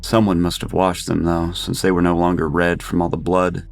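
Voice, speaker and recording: A man narrating a first-person horror story in a steady, grim manner. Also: low voice, moderate pace, creaky.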